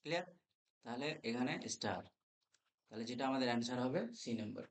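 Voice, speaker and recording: A man's voice: medium pitch, quick pace. A man with a Bengali accent teaching an English grammar class. He often checks in with his students and spells words out letter by letter. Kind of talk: live online class lecture.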